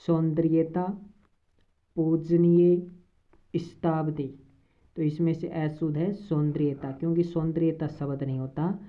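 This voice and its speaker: A woman teaching a Hindi spelling lesson for exam prep, slowly reading out options and repeating each word. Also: low-pitched, little pitch movement. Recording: tinny phone-like audio.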